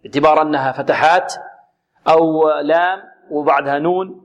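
A man in a tajweed lesson, his voice sitting a bit higher than most men's. He moves between chanted recitation and plain explanation. He patiently corrects errors, repeating single sounds and words slowly. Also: fairly even intonation, muffled recording. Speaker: Quran recitation teacher.

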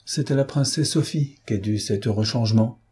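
A man's voice: medium pitch, moderate pace, darkish tone, husky. A man voicing a witty, ill-mannered young woman who teases in a mock-formal, ironic way, in an audiobook. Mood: teasing. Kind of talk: audiobook character voice.

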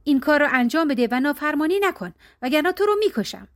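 A proud, menacing male demon king , played by a woman narrator, barks orders and threats in an audiobook tale. He is domineering and sure of his power, with a slightly raised pitch. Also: sing-song. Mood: commanding. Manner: commanding, menacing.

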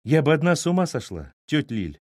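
A tired young mother, relaxed and a little wry, chatting from her bed, as a male narrator voices her. The voice rises only slightly and stays easy and unhurried. Dry, close recording. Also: fairly high pitch, no room sound, pitched above the performer's own voice.

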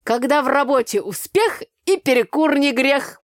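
A woman pitches her voice above her natural register to play a brash, chatty village girl who talks in folk sayings. Her high, animated delivery is loud and boisterous, full of proverbs, at a normal speed in clean, echo-free studio sound.

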